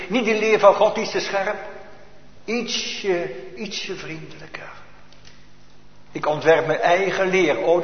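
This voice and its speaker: A man preaching a sermon to his congregation, shifting from hushed to emphatic and full of rhetorical questions. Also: sits high. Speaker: pastor. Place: church. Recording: echoey church, lo-fi reverberant recording.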